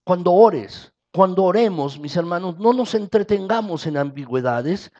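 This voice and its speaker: Mexican pastor preaching, muffled recording. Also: male voice, high-pitched, a little mellow. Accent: Mexican Spanish. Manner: preaching with rising emphasis. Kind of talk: sermon.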